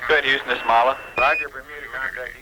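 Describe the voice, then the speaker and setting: A flight controller making short, clipped call-and-answer checks over a radio link. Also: male voice, medium pitch, fairly even intonation, very fast, very noisy. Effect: heard over a radio link. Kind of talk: mission radio communications.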